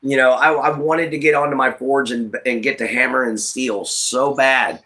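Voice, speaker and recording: An American livestream host in his late thirties speaks straight to his listeners, offering rambling opinions that circle back on themselves. His mid-range voice is steady in tone, pushed and bright, at a normal speed.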